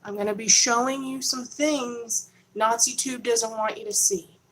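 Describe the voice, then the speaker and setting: Her voice is fairly high and fairly bright, with even intonation and a slightly slow pace; the audio is poor, with slight background noise. This woman runs a rambling, conspiratorial livestream from home in Texas, chatting casually to a camera on a holder and interrupting herself.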